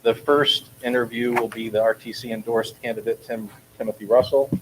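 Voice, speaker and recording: A man chairing a school board meeting, laying out the procedure in a steady, procedural way with small restarts, speaking from a board table in a meeting room. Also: mid-range voice, brisk, background noise. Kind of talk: running a public meeting.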